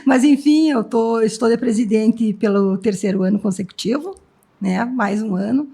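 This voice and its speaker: A woman's voice: a little high, moderate pace, mellow, breathy edge. A woman in her fifties, a team president chatting casually as a podcast guest, often tagging her sentences with a question. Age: 50s. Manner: chatty, tags lines with "né?".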